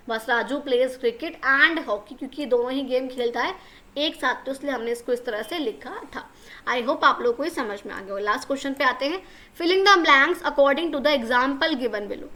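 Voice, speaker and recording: A woman's voice: high-pitched, bright, forceful tone. A woman teacher explains a lesson to children, patiently repeating each point and asking the class questions.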